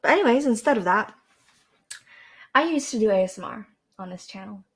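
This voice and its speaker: A woman's voice: mid-range voice, expressive, brisk, slightly rough. A young woman from Canada, hosting a podcast and rambling casually into a desk microphone, chatty and self-deprecating, with fillers and restarts. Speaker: podcast host. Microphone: desk microphone with a cord.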